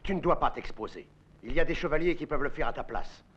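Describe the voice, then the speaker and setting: An actor in a dubbed adventure film playing an earnest knight, speaking emphatically. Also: male voice, on the high side, lively intonation, fast, a bit bright. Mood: earnest, cautioning. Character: earnest male knight counselling his leader. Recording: dull old film soundtrack, crowd.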